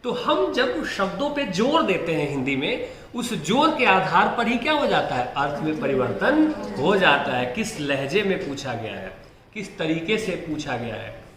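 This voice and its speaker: A man's voice: fairly high pitch, very animated, measured pace, a bit bright, echoey room, a little hiss or hum. A man teaching Hindi exam prep, who asks rhetorical questions, answers them himself and keeps checking in with his students.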